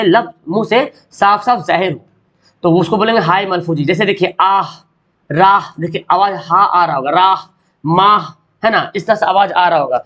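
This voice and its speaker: High-voiced man teaching grammar. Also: a bit bright, lo-fi sound. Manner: repeats questions and answers them himself; drawn-out sounds to show pronunciation. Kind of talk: online grammar lesson.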